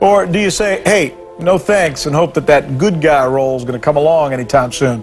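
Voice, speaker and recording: A man anchoring a cable news segment in a brisk, polished delivery. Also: fairly high pitch, expressive, soft background music.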